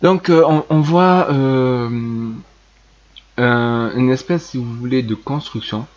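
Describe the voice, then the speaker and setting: A man's voice: medium pitch, takes it slowly, a little mellow, lo-fi sound. A man talking casually to his viewers about toy sets, with many hesitations and restarts. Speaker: YouTuber presenting toy news. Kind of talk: casual unscripted video chat.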